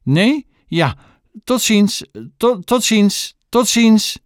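A vain, pompous mother with an affected, posh manner , voiced by a man reading aloud. She speaks well above a normal register, her pitch swooping eagerly. The dry, close sound keeps every fussy syllable plain. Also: lively intonation, extremely slow, dry recording, heavily acted. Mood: flustered. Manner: snobbish, affected phone voice.

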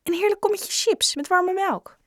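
A woman's voice: very high voice, moderate pace, no room sound, clean studio sound, voice pushed up. Woman voicing a kindly grown-up shopkeeper. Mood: coaxing. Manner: gentle, coaxing, sometimes lively. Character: kindly grown-up male shopkeeper, gentle and caring. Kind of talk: audiobook character reading.

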